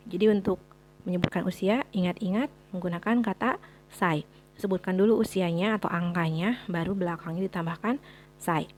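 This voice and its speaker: A woman's voice: medium pitch, darkish tone, a little hiss or hum. A woman teaching a language lesson, explaining patiently and repeating each word several times for the listener to practice.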